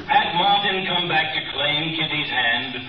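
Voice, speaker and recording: An old radio show announcer heard through a radio set. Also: male voice, on the high side, animated, measured pace. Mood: dramatic. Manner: smooth, dramatic soap-opera narration. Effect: old radio show playing from a radio set in the room. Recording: distant, echoey, lo-fi radio sound with music and crowd behind.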